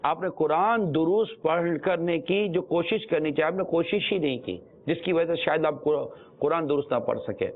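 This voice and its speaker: A man from Pakistan giving an earnest religious talk as a preacher, often repeating his phrases to drive a point home. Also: fairly high pitch. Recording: tinny phone-like sound.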